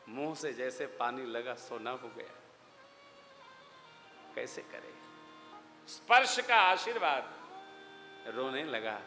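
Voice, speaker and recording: A man giving a dramatic scripture discourse, dropping his voice low, then rising loud. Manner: dramatic storytelling, swings from hushed to loud. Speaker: religious storyteller. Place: large hall. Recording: echoey hall with music behind.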